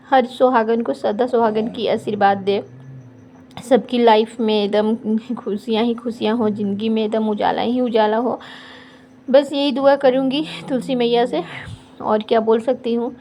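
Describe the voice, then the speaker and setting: A woman vlogger narrating her video in a fast, chatty voice-over, with frequent fillers. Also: fairly high pitch, mellow, a little hiss or hum. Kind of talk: casual vlog voice-over.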